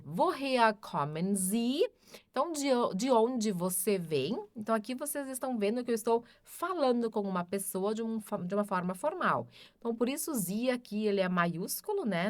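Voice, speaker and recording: A woman with a Brazilian Portuguese accent teaching a grammar lesson, patiently repeating each example sentence slowly. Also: a little high, no room sound. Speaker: German teacher.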